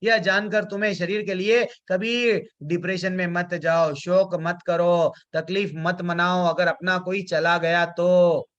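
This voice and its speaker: Guy teaching a scripture class, kinda high voice, chants sanskrit verses then explains, muffled lo-fi audio. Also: level tone, measured pace, hardly any pauses, fairly bright tone. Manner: mixes Hindi with English words, chants Sanskrit verses; conversational, many fillers and restarts. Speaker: spiritual teacher.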